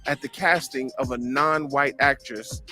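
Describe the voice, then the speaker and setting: A man hosting a casual talk show, speaking in an animated way and often checking in with "right?", with some music behind him. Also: mid-range voice, measured pace. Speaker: podcast host. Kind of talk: casual chat.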